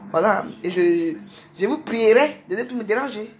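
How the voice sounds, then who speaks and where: A woman's voice: medium pitch, lively intonation. A middle-aged woman talking on her livestream, repeating fillers and stammering, then hurling insults in a heated rant. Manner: shouting insults, rapid and heated. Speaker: social media livestreamer.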